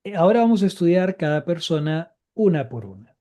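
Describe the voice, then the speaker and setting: A man's voice: on the high side, big pitch swings, a little fast, dark tone. A man teaching a live Biblical Hebrew grammar class, explaining patiently and repeating each key point.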